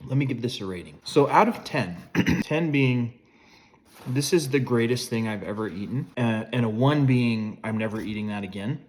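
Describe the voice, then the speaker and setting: A man's voice: medium pitch, animated, moderate pace, slight background noise. A man in his forties giving a casual food review, chewing as he talks between bites.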